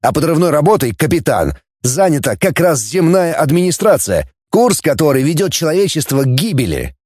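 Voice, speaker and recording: A man's voice: on the high side, very animated, normal speed, darkish tone, dry recording, studio quality. A man voicing an earnest young space officer. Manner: earnest, heated, fervent.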